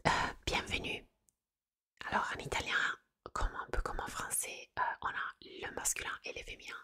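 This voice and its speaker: A woman giving a whispered ASMR lesson into a close microphone, softly repeating each word twice, with hesitant fillers and small self-corrections. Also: normal speed. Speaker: ASMR creator teaching words.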